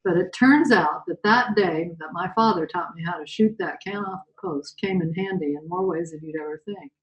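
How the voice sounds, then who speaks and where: A woman's voice: lowish voice, normal speed, lo-fi sound. A woman of around seventy from the western United States, telling a candid, folksy personal story as a guest speaker, with chatty asides. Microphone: video call. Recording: roomy echo.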